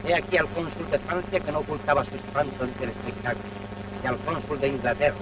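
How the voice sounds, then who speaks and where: High-pitched male old newsreel narrator, noisy recording. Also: quick pace. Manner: declamatory, rhetorical, solemn. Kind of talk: 1930s old newsreel narration, scripted propaganda commentary. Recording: noisy, distant 1930s newsreel soundtrack.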